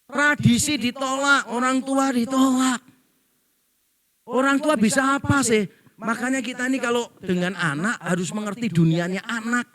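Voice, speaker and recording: A middle-aged pastor delivers a playful sermon. His voice sits very high for a man and rings bright. He tells stories and mimics the people he quotes to draw laughs. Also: steady tone, moderate pace. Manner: joking storyteller, acts out quoted people. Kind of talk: humorous sermon to a congregation.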